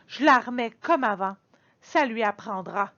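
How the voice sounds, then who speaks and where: A woman reading a children's picture book aloud with expressive, dramatic storytelling. Her voice is slightly high and swoops up and down in a very lively way, and she reads slowly. The recording sounds dull and lo-fi. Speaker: storybook reader.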